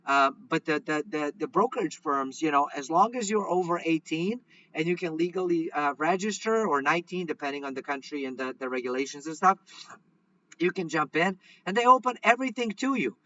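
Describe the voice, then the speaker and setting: A man with a bright, forceful, fairly high voice hosts a money show, hammering his points home and playing out an anxious trader's thoughts. The sound is close and dry, but a bit muffled and dull. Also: lively intonation, fairly quick, dry recording. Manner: emphatic, repeats points, acts out inner voices. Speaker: host. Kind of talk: casual talk-show commentary.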